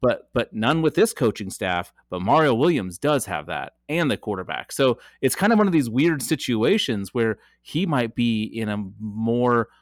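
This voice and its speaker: A man's voice: mid-range voice, big pitch swings, normal speed, few pauses, dry recording, clean studio sound. A man co-hosting a podcast, chatting casually about football with frequent ums and restarts. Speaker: podcast co-host. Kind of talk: casual sports chat.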